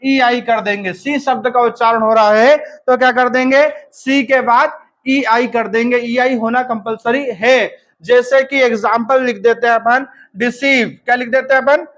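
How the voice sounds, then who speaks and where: Brief: man, has a cold, high voice, exam-prep teacher spelling words out and quizzing himself. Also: fairly even intonation, moderate pace, a bit bright. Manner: drilling by asking and answering his own questions, spelling letter by letter.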